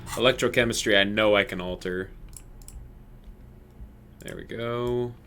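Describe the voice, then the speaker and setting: A man streaming a video game, reading its story aloud with playful quick asides. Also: lowish voice, steady tone, pushed and bright, a little hiss or hum.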